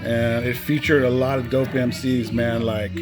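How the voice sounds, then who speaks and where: He hosts a casual, unscripted collector's vlog about his cassette tapes, keeping a laid-back tone and often adding "man" to phrases. His mid-range voice stays level at a moderate pace over background music.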